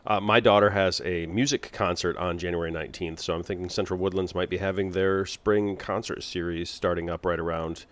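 A man's voice: low voice, steady tone, brisk, few pauses. A man who is a teacher co-hosting a school podcast, chatting in an easygoing way. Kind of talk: casual chat.

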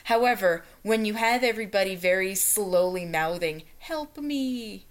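A woman's voice: mid-range voice, fairly even intonation, normal speed, smooth. A woman co-hosting a podcast, discussing a TV episode with dry, wry analysis. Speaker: podcast co-host. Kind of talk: casual chat about a TV episode.

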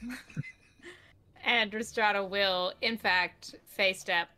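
A woman's voice: medium pitch, fairly even intonation, very slow, bright, forceful tone. A woman playing a tabletop game, bubbly and giggly as she describes her character's moves. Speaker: player.

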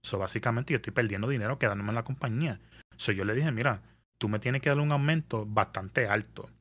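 A man, telling a story in casual podcast chat, animated and mixing in English words. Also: medium pitch, a little fast. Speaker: podcast guest. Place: New York area.

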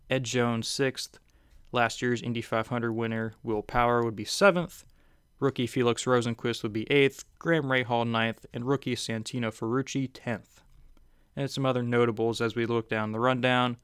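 A man's voice: mid-range voice, fairly bright tone, smooth, no room sound, studio quality. Man giving a casual race recap. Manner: conversational, with frequent "uh" fillers. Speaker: racing recap host.

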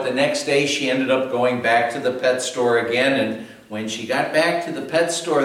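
A male pastor delivering a devotion at an unhurried, deliberate pace. His voice rings out in a very echoey space and sounds a little distant from the mic. He tells his story plainly and then turns earnest and reflective. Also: mid-range voice, fairly bright tone. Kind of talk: devotional sermon.

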